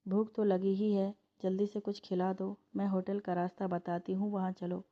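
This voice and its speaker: A lively young woman, voiced by a woman narrator chats and protests in a storybook reading. Her pitch stays narrow and level. The sound is muffled and lo-fi. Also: close to an everyday voice. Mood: chatty. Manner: chatty, quick to protest. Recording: dull lo-fi recording.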